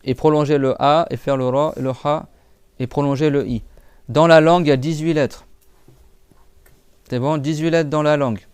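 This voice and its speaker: Smooth, dry-voiced man teaching. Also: a little high, steady tone, normal speed, long pauses, darkish tone, dry recording. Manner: patient, repeats and drills sounds; casual spoken French with many fillers. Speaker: Quran recitation teacher. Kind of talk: live class explanation.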